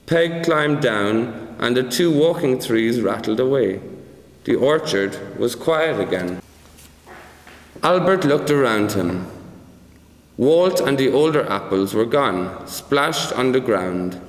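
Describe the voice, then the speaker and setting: A man reading a children's story aloud as narrator, careful and measured. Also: mid-range voice. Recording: echoey room with long reverb.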